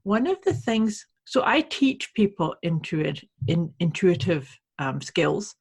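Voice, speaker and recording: A woman from Canada speaking as a podcast host and coach, teaching conversationally in a polite, measured, explanatory way. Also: lowish voice, sing-song, gravelly, slightly rough.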